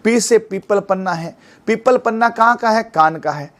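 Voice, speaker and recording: A man's voice: sits high, normal speed, a bit bright. A man teaching exam students through memory tricks, talking in a chatty way and often checking in with his listeners. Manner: chatty, repeats tag questions like "है ना".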